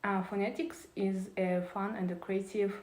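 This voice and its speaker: A woman's voice: medium pitch, little pitch movement, normal speed, darkish tone, roomy sound, poor audio. A woman presenting a prepared talk on teaching, reading carefully with small restarts.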